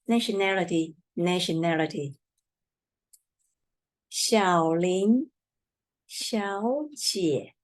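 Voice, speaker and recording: A woman teaching a Chinese lesson in English, patiently repeating words slowly for learners, with Mandarin as her first language. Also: mid-range voice. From Taiwan. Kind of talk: slow language lesson explanation.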